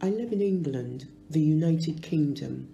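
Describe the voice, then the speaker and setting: A woman in her sixties from Barbados, reading a funeral tribute in a slow, measured, fond way in a church. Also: low voice, lively intonation, creaky, dark tone, highs cut off. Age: 60s. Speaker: eulogist.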